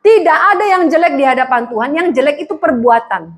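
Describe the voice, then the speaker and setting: Middle-aged woman pastor with a high, bright voice; humorous, animated preaching. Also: fast talker. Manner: humorous, animated storytelling with acted-out quotes. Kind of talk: sermon.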